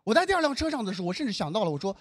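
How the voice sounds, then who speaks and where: A young man from northern China telling a stand-up comedy story, acting out the dialogue with lively delivery. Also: high voice, racing.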